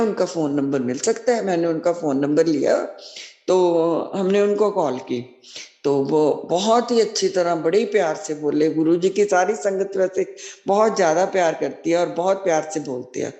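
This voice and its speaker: A middle-aged woman sharing a devotional testimony as spoken storytelling, acting out quoted dialogue and repeating devotional refrains. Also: lowish voice. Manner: animated storyteller who acts out quoted dialogue. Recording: echoey room.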